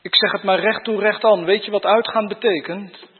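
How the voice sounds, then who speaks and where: A man's voice: sits high, steady tone, moderate pace, slightly rough. A man preaching a sermon in church, pressing his congregation with earnest rhetorical questions. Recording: dull sound with long church reverb.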